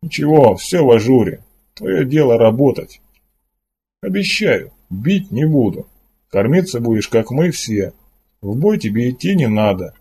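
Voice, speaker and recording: A man's voice: mid-range voice, big pitch swings, unhurried, warm tone, breathy edge, heavily acted. A man doing a stern, curt pirate commander. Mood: reassuring. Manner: dry, businesslike, curt.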